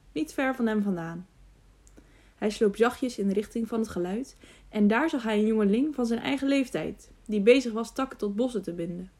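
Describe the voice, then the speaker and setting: A woman narrating a children's novel audiobook in a calm, measured way. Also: medium pitch. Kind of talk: scripted narration.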